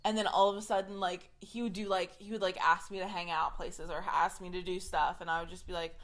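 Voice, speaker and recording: A woman's voice: on the low side, little pitch movement, fairly quick. A woman in her twenties hosting a podcast, telling a story in a casual, rambling way full of "like". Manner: chatty storytelling, heavy use of "like" fillers. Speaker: podcast host. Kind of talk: casual chat.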